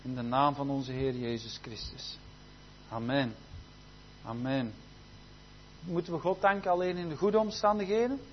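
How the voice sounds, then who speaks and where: A man preaching a sermon, often saying amen and hallelujah, shifting between loud fervent exclamations and quiet intimate passages. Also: moderate pace, long pauses. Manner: peppers speech with amen and hallelujah. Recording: dull low-fidelity recording with faint hum.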